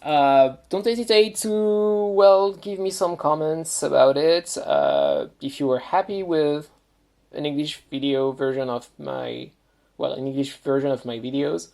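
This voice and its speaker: Speaking with a French accent, a man reviews toys at home in a relaxed show-and-tell, his delivery meandering, halting, and packed with "like". His voice sits on the high side, animated and unhurried, gravelly and a bit mellow.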